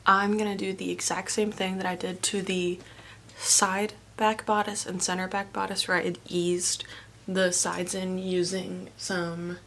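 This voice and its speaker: A woman's voice: on the low side, sharp tone, slight background noise. A young woman from New Jersey, chatting casually and rambling through a sewing voiceover, with lots of "like" as she talks. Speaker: sewing and cosplay vlogger.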